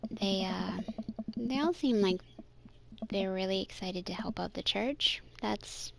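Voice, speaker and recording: A woman's voice: mid-range voice, takes it slowly, gravelly, slight background noise. A woman playing through a visual novel, reading its narration aloud and adding casual, wry comments. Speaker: game streamer.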